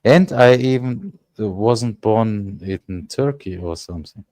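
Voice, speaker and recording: A man, speaking English as an in a casual panel chat and often pausing to search for words. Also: on the low side, a little mellow, dry recording. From Germany. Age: 30s. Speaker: panel guest.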